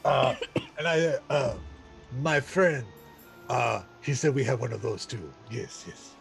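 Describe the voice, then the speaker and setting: A man voicing a halting, rambling male adventurer in a tabletop game. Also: mid-range voice, expressive, vocal fry, soft background music, heavily acted.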